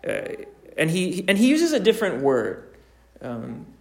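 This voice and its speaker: Slow, gravelly male preacher. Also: high voice, huge pitch swings. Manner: slow, deliberate, with frequent restarts. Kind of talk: sermon.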